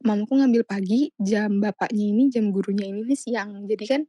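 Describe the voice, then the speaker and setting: Young woman guest, animated storyteller, warm low-brightness tone. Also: brisk, dry recording. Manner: animated storytelling, many fillers. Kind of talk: casual chat.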